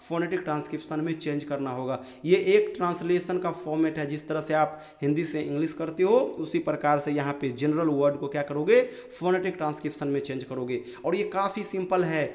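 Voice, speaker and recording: A young man teaching students about an exam's marking pattern, calling them friends and reading out lists of terms slowly. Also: fairly high pitch. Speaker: exam-prep teacher. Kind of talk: explaining an exam pattern to students.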